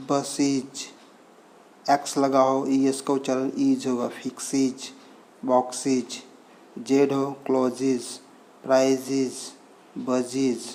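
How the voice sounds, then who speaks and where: A man teaching English pronunciation, speaking slowly and deliberately, spelling out letters one at a time and repeating each example word. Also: mid-range voice, darkish tone. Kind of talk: Hindi-language explanation of English pronunciation. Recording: faint cricket and insect noise behind.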